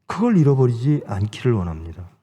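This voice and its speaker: A man's voice: mid-range voice, very animated, quick pace, mellow, breathy edge. A man, a pastor, preaching a Sunday sermon with emphatic rhetorical questions and exhortations. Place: church sanctuary. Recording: long church hall reverb.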